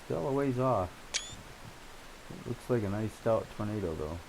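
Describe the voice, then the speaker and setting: A man giving casual gameplay commentary, thinking aloud in an unhurried way as he narrates his play. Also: on the low side. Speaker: gamer narrating a storm-chasing simulation game. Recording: clear steady background noise.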